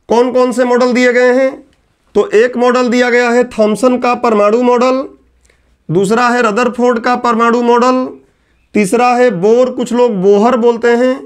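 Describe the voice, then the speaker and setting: A man teaching an exam-preparation lecture, explaining step by step and asking and answering his own questions. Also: extremely high pitch.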